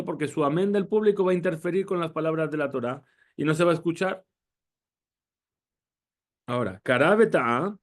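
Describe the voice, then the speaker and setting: Man teaching a Torah lesson. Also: a little high. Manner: explains step by step, asks rhetorical questions; reads Hebrew quickly then translates. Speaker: rabbi teaching.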